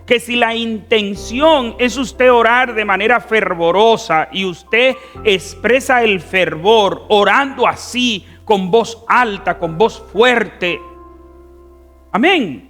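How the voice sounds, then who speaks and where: A man with a Dominican accent preaching a fervent sermon as pastor, swinging between soft, drawn-out phrases and loud emphatic ones. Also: high-pitched. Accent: Dominican Spanish. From Dominican Republic. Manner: fervent preaching with wide swings in loudness and stretched words.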